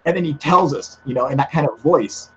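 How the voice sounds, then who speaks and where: Excitable, swearing male stream host, animated and loud, slightly dull recording with faint hiss. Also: a little high, fairly quick. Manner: profane, excitable, laughs often. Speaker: host of a live UFO stream. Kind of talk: casual live-stream chat. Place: outdoors in humid air.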